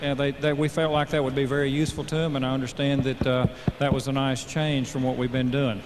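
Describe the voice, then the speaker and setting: A mid-pitched man chats casually as a guest at a live event. Long hall reverb surrounds him, with faint noise underneath. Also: level tone, fast talker. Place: large indoor arena. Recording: reverberant arena PA, background noise.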